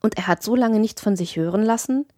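A woman's voice: medium pitch, brisk, dark tone, no room sound, clean studio sound, close to an everyday voice. A woman voicing a cheerful young male painter on foot, speaking in a friendly, teasing, earnest way in her own voice.

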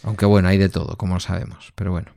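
A man's voice: sits low, level tone, quick pace, vocal fry, warm tone, dry recording, studio quality. A man the there, telling personal stories in a reflective way as a podcast co-host. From Basque Country, Spain. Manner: reflective anecdotal storyteller. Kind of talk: casual conversation.

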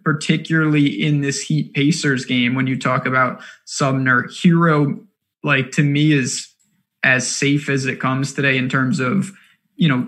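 A man co-hosting a fantasy basketball strategy show, talking casually in quick, animated bursts with lots of fillers. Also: mid-range voice. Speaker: co-host of a fantasy sports show. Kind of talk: casual analytical chat.

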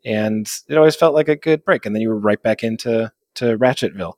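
A man's voice: on the low side, fairly quick, a little mellow, dry recording. A man co-hosting a casual gaming podcast, dry and teasing, often laughing. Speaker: podcast co-host. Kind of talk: casual chat.

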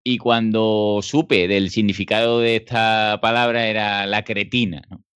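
A man on a chat podcast, telling stories slowly with dry wit. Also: fairly low pitch, level tone, a bit bright, smooth, no room sound. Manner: unhurried storyteller, dry wit. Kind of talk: casual chat. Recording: dry close sound.

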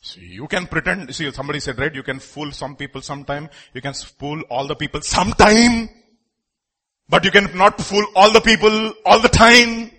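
A man with an Indian accent and a husky voice preaching a sermon emphatically, repeating phrases and posing rhetorical questions. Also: high voice, steady tone, moderate pace, pushed and bright.

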